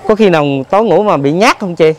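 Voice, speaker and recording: A man with a Southern Vietnamese accent who hosts a vlog, interviewing gently and prompting with frequent soft acknowledgements. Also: high voice, fast. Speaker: vlog host.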